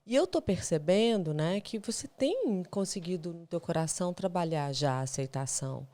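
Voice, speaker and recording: A woman's voice: on the low side, animated, moderate pace, warm tone. A Brazilian woman, a psychologist, hosting a podcast interview, asking questions and speaking straight to the listeners. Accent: Brazilian Portuguese. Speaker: psychologist host.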